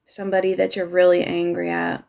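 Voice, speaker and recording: A woman coaching listeners through a guided emotional exercise on a live stream, giving slow, instructive directions with soft, breathy asides. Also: lowish voice, completely flat delivery. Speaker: healing coach.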